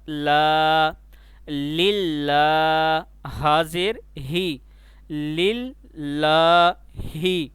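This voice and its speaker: A man teaching Quran recitation in a slow, spelled-out lesson. He spells out each letter and vowel mark, then recites the whole word, drawing out the long vowels. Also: sits high, fairly bright tone, clean tone, dry recording.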